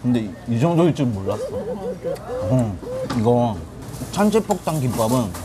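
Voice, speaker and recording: A man's voice: medium pitch, wildly swooping pitch, a little slow, a crowd in the background. A man reviewing food as a food-tour YouTuber, talking with his mouth full of kimbap and exclaiming over how good it is, inside a restaurant. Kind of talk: casual mukbang food review.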